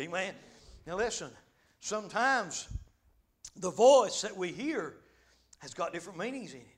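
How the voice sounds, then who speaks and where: Man, preacher, unusually high voice for a man, fervent revival sermon, repeats himself, sprinkles in amens. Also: fairly bright tone. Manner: fervent, repetitive, punctuated with amens. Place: church.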